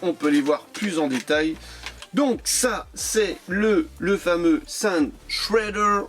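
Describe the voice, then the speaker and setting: A man's voice: a little high, slow, over music. A man chatting casually while unboxing and reviewing his die-cast toy cars, hesitant and full of repeated words. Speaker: toy car collector vlogger.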